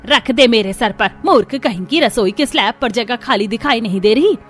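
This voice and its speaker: A woman voicing a bossy, sharp-tongued mother-in-law in a cartoon family story, scolding and dramatic. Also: fairly high pitch, expressive, normal speed, faint music behind, lightly acted. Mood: irritated. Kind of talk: cartoon voice acting.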